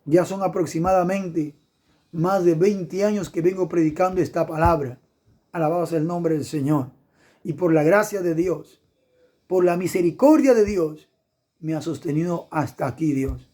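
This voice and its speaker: A man's voice: fairly high pitch, normal speed, warm tone. A middle-aged man preaching an impassioned sermon, fervent and repetitive, punctuated with hallelujahs.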